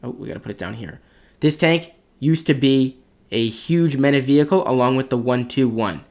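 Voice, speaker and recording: A man's voice: medium pitch, moderate pace, darkish tone. A man giving blunt, opinionated commentary as he ranks tanks for competitive play, thinking aloud as he goes. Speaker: clan commander ranking tanks. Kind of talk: casual gaming commentary.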